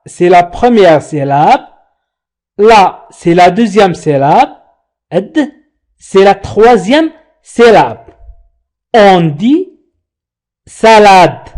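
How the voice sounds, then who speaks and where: A man teaching French pronunciation, spelling out letters and syllables slowly. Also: high voice, darkish tone. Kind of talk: slow pronunciation lesson.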